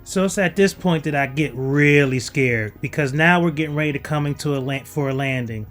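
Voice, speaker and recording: A man's voice: a little high, a little fast, fairly bright tone, faint music behind. A man narrating footage as a student pilot in a casual vlog style, candid, conversational and enthusiastic.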